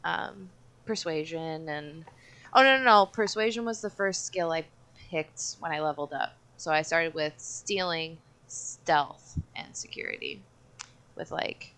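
A woman co-hosting a podcast, relaxed and chatty about the games she plays. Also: low voice. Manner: relaxed and chatty, quick to agree. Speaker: podcast co-host. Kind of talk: casual podcast chat.

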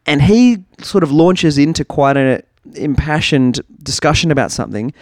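A man's voice: fairly high pitch, expressive, normal speed, a little mellow, no room sound, studio quality. A man, co-hosting a podcast in casual, sarcastic chat with mocking impressions. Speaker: podcast co-host. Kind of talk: casual chat recapping a reality show.

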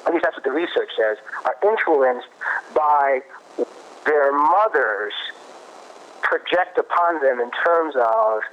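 A man's voice: fairly high pitch, animated, takes it slowly. Thoughtful man with muffled sound. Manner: thoughtful, restarts often, cites research. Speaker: guest expert on parenting. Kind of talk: conversational explanation. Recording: muffled lo-fi audio.

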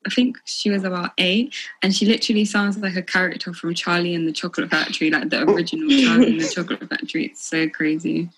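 A woman's voice: on the low side, quick pace, crowd noise, poor audio. A young woman in a casual family chat, playful and a little defensive.

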